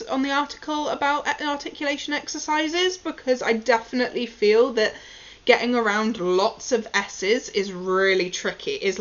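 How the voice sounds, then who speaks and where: In a dull, lo-fi recording, a woman with a slightly high, fairly bright voice talks casually to herself while working through tongue twisters and other articulation exercises. She comments informally on each of her attempts as she practices.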